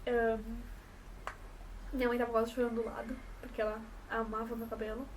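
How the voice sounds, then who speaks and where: A woman's voice: a little high, little pitch movement, fairly quick, distant mic, slight background noise, low-quality recording. A woman in her twenties with a São Paulo coast Brazilian Portuguese accent, chatting casually to camera in a rambling, self-correcting way. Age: 20s. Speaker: vlogger.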